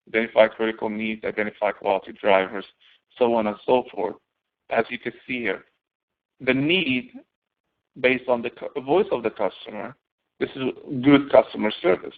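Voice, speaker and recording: A male course instructor walks through a lesson step by step, asking questions and then answering them himself. His voice is gravelly and medium-pitched. The audio is narrow and sounds like a phone.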